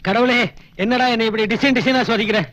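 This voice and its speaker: A man's voice: very high-pitched, fairly even intonation, a bit bright, no room sound. An actor playing a melodramatic, fawning comic servant and bride's father in a film, with theatrical self-pity. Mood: pleading. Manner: wailing, theatrical self-pity with fast chatter. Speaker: estate worker and bride's father.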